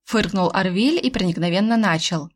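A woman narrating a first-person fantasy audiobook, expressive and sardonic, with her voice jumping higher in exclamations. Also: normal speed.

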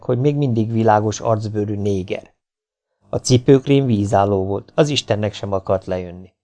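A man reading an audiobook aloud in a steady, even storytelling manner. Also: mid-range voice. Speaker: audiobook narrator. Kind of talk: amateur audiobook narration.

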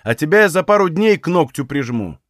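Audiobook: male reader playing a domineering older woman mage, crude and scornful, raised pitch, very animated. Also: fairly quick, no echo, clean studio sound. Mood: menacing. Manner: sneering, coarse, domineering. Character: arrogant foul-mouthed older female mage.

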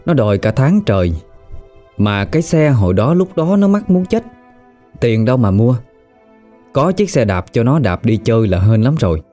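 A man with a Southern Vietnamese accent telling a story in casual spoken style, colloquial and lively, rising at tense moments. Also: mid-range voice, moderate pace, faint music behind.

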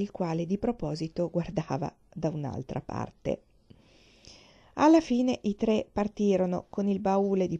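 A woman reading a children's novel aloud in a calm, measured way. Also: on the low side, vocal fry, lo-fi sound. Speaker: reader. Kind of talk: audiobook narration.

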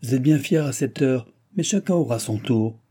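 A man's voice: mid-range voice, normal speed, mellow, slightly rough, lightly acted. A man voicing a hot-tempered wounded nobleman who curses and blusters. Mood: angry. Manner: blustering, cursing.

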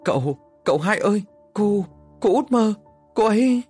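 A man's voice: on the high side, big pitch swings, normal speed, breathy edge, soft background music, pitched above the performer's own voice. A man voicing a young male servant who stammers in panic while bringing terrible news. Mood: panicked. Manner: stammering, breathless.

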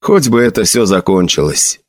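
A man's voice: on the low side, very animated, normal speed, no echo, studio quality. A man voicing a haunted young nobleman, shaken and vengeful, speaking in a tense, trembling voice. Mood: despairing.

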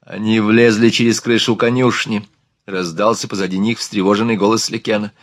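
A man narrating an audiobook in a steady, expressive reading. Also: fairly low pitch, moderate pace, dry recording, studio quality. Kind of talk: scripted narration.

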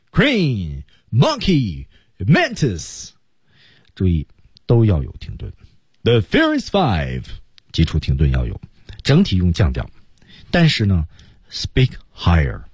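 Husky-voiced male radio English teacher. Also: low voice, dark tone, no room sound, studio quality. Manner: explains pronunciation step by step, drills words slowly. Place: radio studio.

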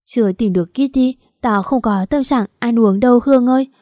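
A woman's voice: a little high, brisk, dark tone, no echo, clean studio sound, natural voice. A woman voicing a frantic, tearful young single mother in an audiobook story. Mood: urgent.

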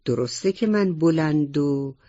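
A woman voicing a tall, hard mountain that speaks slowly and weightily. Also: low voice, animated, dark tone, dry recording, muffled recording. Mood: calm.

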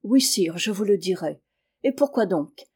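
A woman's voice: medium pitch, expressive, measured pace, darkish tone, husky. A woman reading aloud and voicing a humble young shepherd who answers earnestly.

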